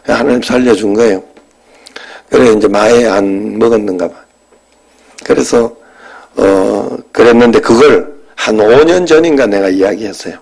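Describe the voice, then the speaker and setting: A pastor in his fifties preaching a sermon and telling a personal story in a conversational way. His voice jumps from loud bursts to quiet asides. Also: fairly low pitch, normal speed, vocal fry, low-quality recording.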